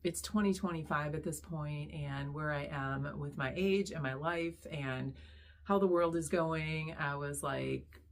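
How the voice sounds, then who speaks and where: Woman, middle-aged, low voice, hoarse and gravelly, casual vlog chat, relaxed with ums. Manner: chatty, relaxed, many ums and pauses. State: hoarse, recovering lost voice. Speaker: online reseller, channel host.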